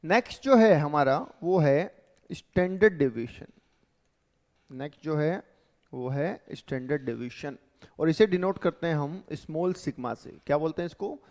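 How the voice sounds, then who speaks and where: A man's voice: fairly high pitch, animated, moderate pace, a little mellow, long reverb tail. A male teacher giving a classroom lecture, explaining step by step and checking in with "right" and "okay".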